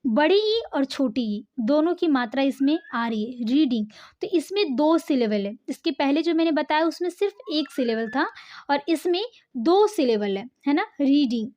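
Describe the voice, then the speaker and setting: A woman's voice: sits high, expressive, normal speed, darkish tone. A woman teacher giving an online English lesson, explaining step by step and often checking in with the learner.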